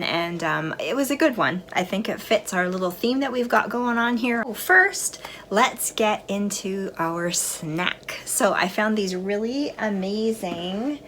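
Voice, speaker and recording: A woman's voice: mid-range voice, a little hiss or hum. A middle-aged woman hosting a movie review vlog, chatting casually and snacking while she recaps a film. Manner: chatty and relaxed, eating snacks while talking.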